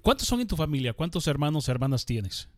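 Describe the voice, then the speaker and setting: A man hosting a podcast interview, asking warmly curious questions. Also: on the high side, big pitch swings, brisk, no echo, clean studio sound. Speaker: podcast host.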